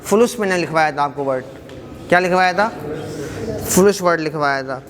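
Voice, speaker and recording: A man teaching an Arabic class, briskly quizzing students and encouraging them not to be shy. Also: fairly high pitch, a crowd in the background. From Pakistan. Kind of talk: classroom quiz lesson. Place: mosque hall. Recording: echoey hall with background noise.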